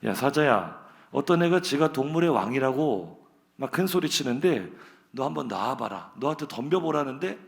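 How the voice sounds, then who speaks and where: A man's voice: mid-range voice, expressive, moderate pace, close to an everyday voice. A man voicing a clever, cheeky little rabbit who taunts and boasts in a told joke. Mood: boastful. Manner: brash, taunting.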